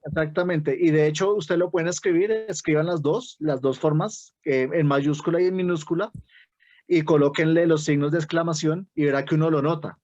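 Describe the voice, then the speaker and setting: A man's voice: a little high, fairly even intonation, moderate pace, a little mellow, dry recording. Man, Bogotá Colombian accent, workshop teacher, keeps asking "¿sí?", dry muffled lo-fi sound. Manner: explains with many "¿sí?" checks and self-restarts. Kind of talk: online workshop lecture.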